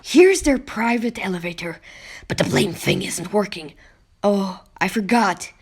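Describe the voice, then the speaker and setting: Woman voicing a cocky teen boy hero, lively pitch. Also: measured pace, a little hiss or hum. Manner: brash, talks to himself dramatically. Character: cocky wisecracking teenage boy superhero. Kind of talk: amateur comic-book dub.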